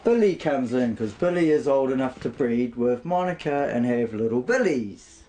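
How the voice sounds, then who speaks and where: A man's voice: mid-range voice, expressive, normal speed, warm tone. A man with a New Zealand accent chatting in a casual, rambling, emphatic way. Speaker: interviewee showing his home and pets. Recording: noisy amateur on-location video recording.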